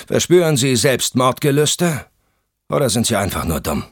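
A man voicing a furious, scornful middle-aged husband in an audiobook, loud and raised in pitch. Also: big pitch swings, moderate pace, breathy edge, no echo, clean studio sound. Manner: scornful, shouting.

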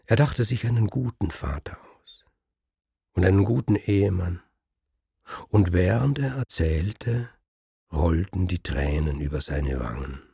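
A man reads a literary story aloud in a slow, measured, solemn manner. His low voice is gravelly and husky. The recording is dry and close. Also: expressive, warm tone, no room sound.

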